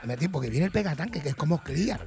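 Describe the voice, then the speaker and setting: A man with a Puerto Rican accent hosting a radio show, gossiping and teasing his co-hosts in animated banter. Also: a little high, fast, over music. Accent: Puerto Rican Spanish. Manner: animated, teasing, breaks into laughter.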